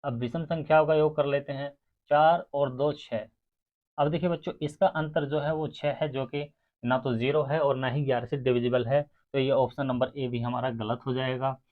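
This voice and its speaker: A maths teacher for exam aspirants works through problems step by step, talking straight to his students and counting sums aloud. His mid-range voice keeps a fairly even intonation at a moderate pace. The recording is muffled and narrow, like a phone.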